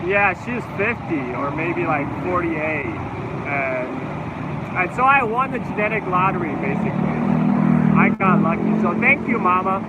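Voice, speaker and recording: 40s guy livestreaming from a car, high-ish voice, chatty and rambling, wind roaring on the mic. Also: huge pitch swings, measured pace, phone-quality sound. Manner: rambling, answers viewer chat. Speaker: livestream host. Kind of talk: casual livestream chat. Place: moving vehicle on a road trip. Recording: loud wind and road noise.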